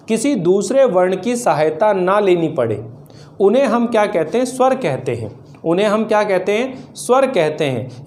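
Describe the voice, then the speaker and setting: Slow, high-voiced Hindi teacher man. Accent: Rajasthani Hindi. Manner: patient, repeats key points as questions and answers; sounds out each vowel slowly. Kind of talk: classroom lesson to students.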